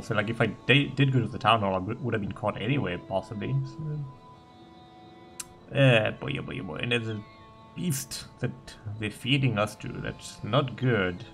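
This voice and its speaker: A man's voice: medium pitch, fairly bright tone. A man playing through a gamebook and thinking aloud, hesitant as he mulls over his choices. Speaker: player.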